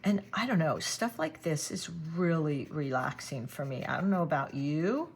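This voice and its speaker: A woman giving a relaxed watercolor painting demonstration, thinking aloud as she works and chatting to her viewers. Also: low-pitched, normal speed, slight background noise. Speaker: watercolor art teacher.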